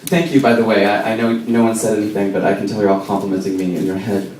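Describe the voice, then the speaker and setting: A young man in his twenties with an American accent, doing a self-deprecating stand-up set and pausing with ums. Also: on the low side, steady tone, far from the mic. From Israel. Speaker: stand-up comedian. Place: comedy club. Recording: echoey club recorded from afar, noisy.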